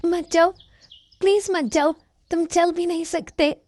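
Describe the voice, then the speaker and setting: A woman's voice: extremely high pitch, fairly even intonation, measured pace, a little mellow, voice pushed up. A woman voicing an anxious young wife who pleads with her husband, in a cartoon storybook. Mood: pleading.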